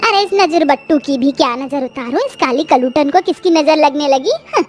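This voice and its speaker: A woman's voice: high-pitched, moderate pace, soft background music, lightly acted. A woman voicing a harsh, taunting middle-aged mother-in-law in a cartoon story. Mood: scolding. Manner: taunting, scolding.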